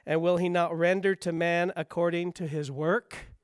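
A male pastor preaching a sermon, driving home rhetorical questions with emphasis, then dropping low and quiet. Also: fairly even intonation, normal speed, clean tone, dry recording, studio quality.

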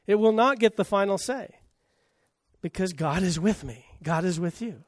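A man delivers a sermon as a pastor in a notably high voice. He is emphatic, firing rhetorical questions and letting his volume swell and drop. The sound is dry and close. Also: normal speed, no room sound.

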